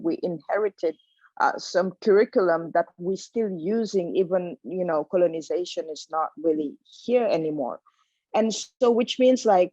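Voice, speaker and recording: A woman from Senegal giving an informal lecture, relaxed and conversational, with frequent "like" and "you know". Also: fairly low pitch, no echo. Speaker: guest lecturer. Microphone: video call. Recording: dull lo-fi video call audio.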